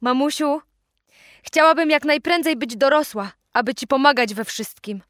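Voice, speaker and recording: A woman's voice: high-pitched, normal speed, fairly bright tone, dry recording, clean studio sound, voice pushed up. A woman voicing an eager, anxious young girl in a storybook reading, with an earnest, pleading manner.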